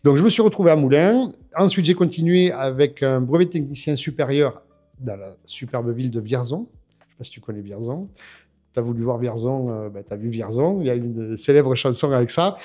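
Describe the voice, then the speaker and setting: Speaking briskly in a mellow, medium-pitched voice, a Frenchman in his fifties shares his story as a guest in a casual interview. His speech is full of hesitations and restarts.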